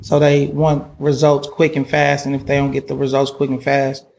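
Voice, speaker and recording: A man's voice: mid-range voice, completely flat delivery, normal speed, creaky, a little mellow, slight background noise. A man in his thirties from Oakland, a podcast guest, talking in a casual, streetwise way with many fillers. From Oakland, California. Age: 30s. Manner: streetwise, lots of "like" and "you know what I'm saying".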